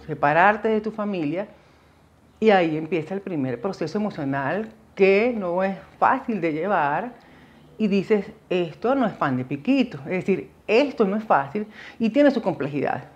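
Sitting before a dark backdrop in a small indoor space, a middle-aged woman with a Venezuelan accent reflects on migration in a casual monologue, frequently going off on tangents and talking straight to her audience. Her medium-pitched voice is expressive, darkish, and moderately paced, with the highs cut off.

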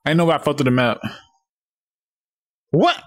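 A man's voice: fairly high pitch, normal speed, dry recording, studio quality. A young man playing games with friends, casual and playful, with slangy, swearing reactions. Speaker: gamer, video host. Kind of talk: casual gameplay banter with friends.

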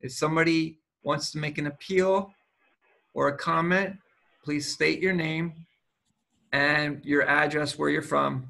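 A man, the council president, chairing a virtual meeting in a brisk, procedural way. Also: a little high, steady tone, gravelly, sharp tone.

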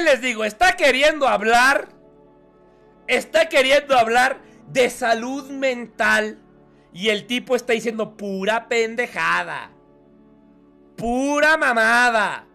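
A man's voice: very high-pitched, lively intonation, slow pace, vocal fry, bright, forceful tone, soft background music. A man with a Mexican accent reading chat on a live stream and mocking it with profanity and laughter. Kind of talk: casual live-stream commentary.

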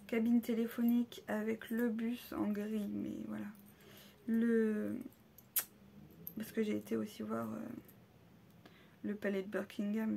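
A woman casually showing off souvenirs she bought on a trip, hesitant, with many pauses and fillers, and often dropping into soft half-whispers. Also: mid-range voice, creaky, a little hiss or hum. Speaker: vlogger showing a shopping haul. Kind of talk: casual haul video.

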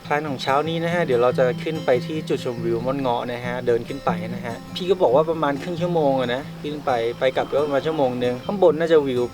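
A man's voice: medium pitch, fast, hardly any pauses, over music. A young man hosting a casual travel vlog outdoors on a mountain trail, chatty and joking, out of breath from the climb. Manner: chatty, joking, swears with friends. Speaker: travel vlogger.

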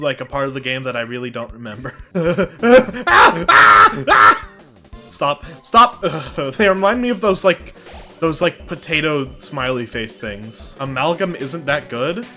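Lively, bright-voiced male streamer. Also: medium pitch. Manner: jokey, swears, reacts loudly with laughs and yelps. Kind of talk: casual gameplay commentary. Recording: game music behind the voice.

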